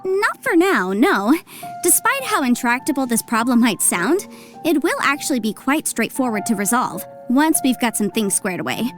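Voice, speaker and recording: Yanfei, a bright-pitched shrewd young lawyer. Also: female voice, sing-song, normal speed. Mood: businesslike. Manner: articulate, explanatory, self-assured. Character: young female legal adviser, shrewd, confident, businesslike. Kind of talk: anime-style video game acting. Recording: soft music behind the voice. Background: game music.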